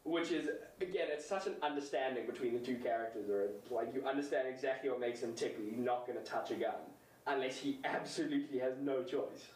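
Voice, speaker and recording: A man chatting casually about comics and films, animated and laughing often as he acts out lines. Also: mid-range voice, brisk. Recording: roomy, distant mic, faint noise.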